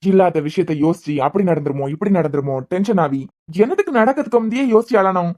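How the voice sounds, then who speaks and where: A woman voicing a devoted young husband who is a hospital head, speaking in a Kanyakumari Tamil accent, bantering fast and turning stern at times. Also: fairly low pitch, animated, a little mellow, lightly acted. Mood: teasing. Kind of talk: cartoon web series voice acting.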